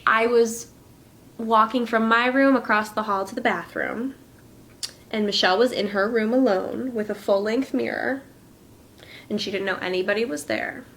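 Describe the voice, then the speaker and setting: A woman's voice: a little high, moderate pace, a bit bright, rough recording. A young woman in a casual interview, speaking thoughtfully and hesitantly, often stopping to restart her sentences.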